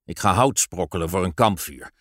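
A man's voice: sits low, moderate pace, fairly bright tone, no room sound, studio quality, voice pushed down. A man playing a tired, patient father in a children's story, weary and a little breathless. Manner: weary and breathless, mildly grumbling.

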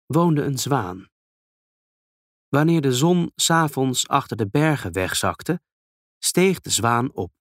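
A man reading a children's story aloud in a calm, gentle storytelling manner. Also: mid-range voice, dry recording, studio quality.

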